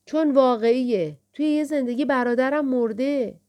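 A woman's voice: high-pitched, mellow, voice pushed up, close to an everyday voice. A woman narrator voicing a distressed young woman who speaks in a pleading, insistent way. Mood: upset.

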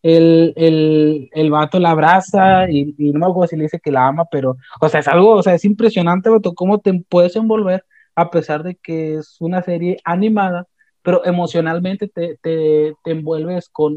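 A young man with a Mexican accent, casually retelling an anime plot in a slangy, animated way with many restarts. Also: fairly high pitch, normal speed, no room sound. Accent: Mexican Spanish. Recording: dull, slightly lo-fi dry sound.

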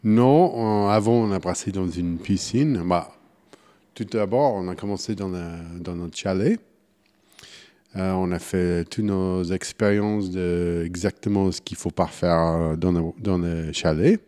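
Guest brewer: man, low mellow voice, halting speech that trails off softly, casual interview. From United States (Kansas). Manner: halting, many restarts and fillers, trailing off quietly.

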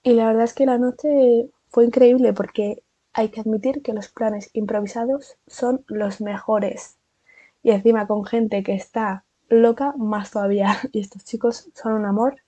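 A young woman from Spain with a Spanish accent, telling a casual storytime vlog in a chatty, animated way full of fillers and asides. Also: on the high side, unhurried, no room sound, highs cut off.

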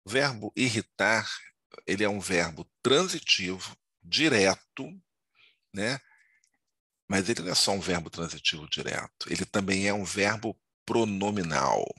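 A man's voice: deep voice, animated, unhurried, sharp tone, slightly rough, no room sound. An older man with a Brazilian Portuguese accent, giving a casual grammar lesson in a chatty, digressive way that keeps asking for agreement. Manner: chatty, digressive, frequent tag questions. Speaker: Portuguese teacher.

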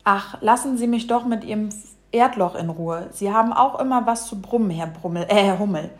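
A woman voicing a playful, excitable young male dog in a children's storybook. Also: medium pitch, a little fast, close to an everyday voice. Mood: eager. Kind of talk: storybook reading.

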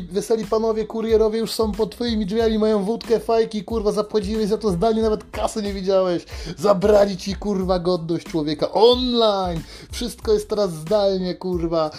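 A man's voice: a little high, darkish tone. A young man delivering a crude, sarcastic comic rant, swearing at nearly every turn. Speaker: comedian.

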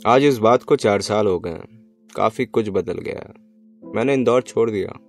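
A man's voice: on the low side, moderate pace, soft background music. A young man narrating a first-person love story in a wistful, reflective way.

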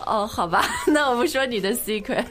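A woman from Shanghai hosting a bilingual language-lesson podcast, chatty and quick to laugh as she switches between two languages. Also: on the high side, animated, fairly bright tone. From Shanghai, China. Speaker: podcast host, English teacher.

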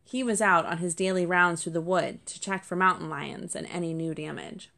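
A woman narrating a children's storybook, gentle and speaking to the listeners directly. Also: lowish voice, moderate pace, creaky.

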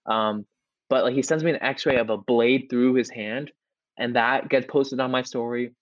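A young man co-hosting a podcast, telling a story in a casual, excitable way with lots of "like" and restarts. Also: medium pitch, normal speed, dry recording, lo-fi sound. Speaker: podcast co-host.

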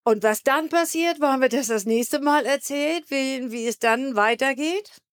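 A woman's voice: high-pitched, moderate pace, no room sound, clean studio sound. A woman as a podcast guest, telling her own story candidly and emotionally, with restarts. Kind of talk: personal storytelling.

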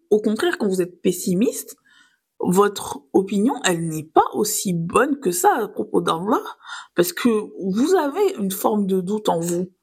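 A woman hosts her own podcast alone, talking in an earnest, reflective way. Her voice is soft and breathy, with a middle pitch. She pauses on small fillers as she works through her thoughts. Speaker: podcast host. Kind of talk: solo religious reflection podcast.

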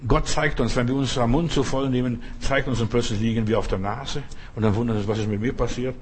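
A man's voice: mid-range voice, steady tone, quick pace, slight background noise. A man preaching a provocative, conversational sermon, often asking his listeners whether they understand.

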